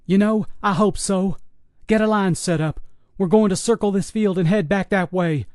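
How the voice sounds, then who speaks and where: A narrator doing a shaken Navy SEAL. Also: male voice, high voice, normal speed, darkish tone, no echo, studio quality, pitched above the performer's own voice, natural voice. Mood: tense. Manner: urgent, clipped military radio talk. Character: shaken male Navy SEAL soldier on the run.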